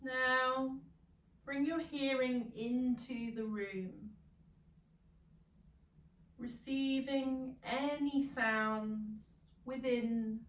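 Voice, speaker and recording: This is a guided meditation led by a yoga nidra teacher, a woman whose voice is high and whose speech is very slow. She gives gentle, calming instructions and leaves long silences. She is far from the microphone in an echoey room.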